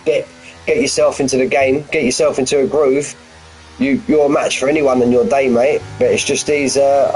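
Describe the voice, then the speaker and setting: A man gives informal, matey live commentary on an online racing league, chatting to the drivers and calling them mate, lad and bud. His voice is medium-pitched and a little mellow, and the recording is low quality with slight background noise.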